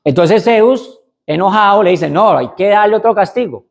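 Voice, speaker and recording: A man's voice: high-pitched, lively intonation, moderate pace, creaky. Man retelling a myth casually. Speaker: speaker on mental health and leadership. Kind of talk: storytelling lecture.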